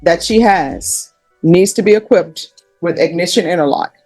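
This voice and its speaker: Faint music sits behind this courtroom audio of a woman judge whose voice is low and a little mellow, her pace unhurried. Presiding over the hearing, she speaks firmly to the defendant and takes the procedure one step at a time.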